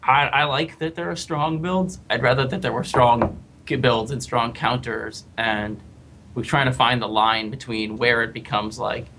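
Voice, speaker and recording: A man, a game developer, thinking aloud in a casual podcast panel discussion, often pausing and restarting. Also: mid-range voice, fairly even intonation, bright, forceful tone. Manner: hesitant, many fillers and restarts.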